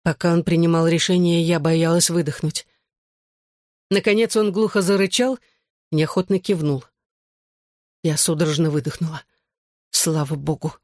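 An audiobook reader narrating a first-person novel in a steady storytelling voice. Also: mid-range voice, moderate pace, long pauses, dry recording, studio quality.

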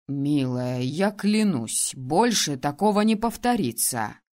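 A devoted husband begging his wife's forgiveness, as a woman reading the story puts him on. His voice sits deep and low, and it stays soft and pleading, like a man sitting outside a bedroom door. It is a storybook voice, not a full character performance. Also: expressive, slow pace. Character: loving remorseful husband, adult man.

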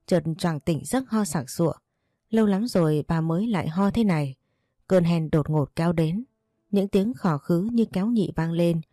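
A woman reading a melodrama story aloud, voicing every character in the same steady tone. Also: fairly low pitch, no echo, studio quality. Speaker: narrator.

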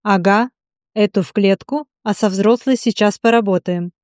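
A woman reading the lines of a stocky, gruff male soldier who gives calm, curt orders. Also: medium pitch, moderate pace, no room sound, studio quality, lightly acted. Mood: commanding.

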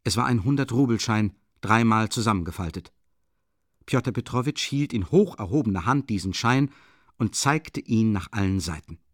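A man's voice: on the low side, moderate pace, no room sound. Male audiobook narrator, dramatic, wide melodic range, dry close sound. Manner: expressive, dramatic. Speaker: audiobook reader.

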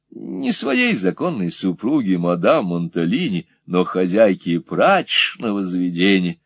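A man's voice: on the low side, no echo. Man narrating a classic novel, dry close sound. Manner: theatrical, varied delivery. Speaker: audiobook narrator. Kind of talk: expressive literary narration.

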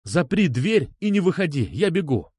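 A man's voice: on the high side, sing-song, moderate pace, slightly rough, no room sound, clean studio sound, pitched above the performer's own voice. Man voicing a desperate furious young man. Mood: urgent angry. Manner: urgent, commanding, shouting.

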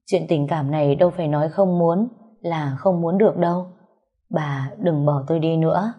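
A woman's voice: low voice, normal speed, slightly rough, muffled recording. A woman voicing an old grandfather who speaks in an earnest, pleading way.

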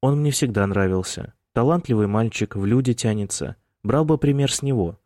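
A man's voice: medium pitch, expressive, moderate pace, dark tone, no echo, clean studio sound, close to an everyday voice. A man reading the part of a fussy, disapproving middle-aged mother, in a nagging, reproachful manner.

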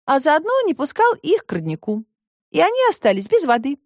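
A woman voicing a brave, kind young girl in an audiobook, speaking high and earnestly. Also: sing-song, a little fast, no room sound, studio quality.

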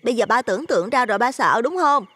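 Woman voicing a skeptical young daughter, mocking, Southern Vietnamese accent, high voice, dry sound, audio drama. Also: animated, fast talker, fairly bright tone, breathy edge, no echo. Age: young adult. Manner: mocking, scolding. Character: skeptical grown daughter teasing her father.

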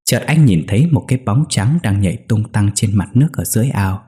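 A man narrating a ghost story in a steady, measured way. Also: fairly low pitch.

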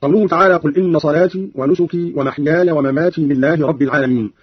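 Male radio presenter, fast and exact in his explanations, slightly raspy voice, dry lo-fi broadcast sound. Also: fairly high pitch, steady tone, dry recording. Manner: brisk, precise explanatory delivery quoting verses.

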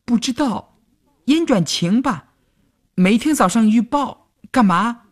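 A man voicing a lively teenage girl soldier who cries easily, speaking high and childish in a storybook reading. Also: takes it slowly, full character voice. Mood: unsure.

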